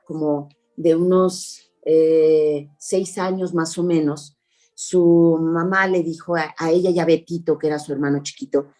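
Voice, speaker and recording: A woman, a guest on an interview show, telling a family story in an expressive, measured way. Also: on the low side. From Mexico. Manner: expressive, measured, acts out the dialogue. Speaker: actress and oral storyteller, guest.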